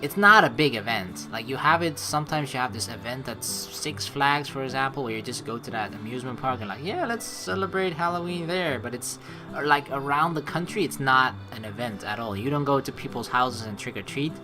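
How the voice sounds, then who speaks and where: A young man from the Netherlands, streaming a let's play, reads the game aloud and chats casually, crude and joking with swear words. His medium-pitched voice moves a little fast, and video game music runs behind it.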